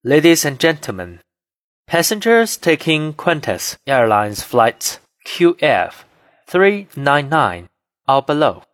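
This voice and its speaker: A man reading scripted cabin announcements as a flight attendant, in a formal, measured, phrase-by-phrase manner. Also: medium pitch, a bit bright, no echo, studio quality.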